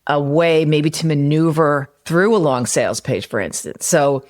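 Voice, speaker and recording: A woman's voice: low-pitched, normal speed, a little mellow. A woman hosting a solo podcast, explaining marketing ideas in a conversational way with everyday examples. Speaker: podcast host and copywriter; former personal trainer.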